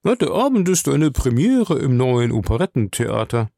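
A man's voice: mid-range voice, sing-song, moderate pace, gravelly, warm tone, no echo. A man reading an audiobook voices a composed manservant who speaks in a proper, polite way. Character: composed older male servant, proper and polite. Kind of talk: audiobook character voice.

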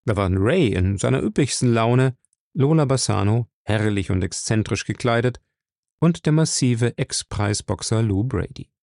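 Gravelly male audiobook narrator. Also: medium pitch, moderate pace, no room sound, clean studio sound. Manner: steady, dramatic storytelling. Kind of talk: scripted narration.

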